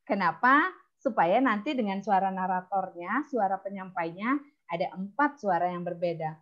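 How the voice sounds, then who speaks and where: A woman teaching storytelling in a webinar, speaking in a lively, expressive way. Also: medium pitch, normal speed. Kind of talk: webinar lesson. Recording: dull lo-fi webinar audio.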